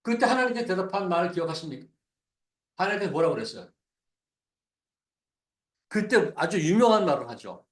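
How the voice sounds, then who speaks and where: Lively, high-voiced man preaching in an echoey church. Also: a little fast, pauses often. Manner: conversational, questions the congregation; mixes English words into his talk. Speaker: pastor. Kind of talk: sermon.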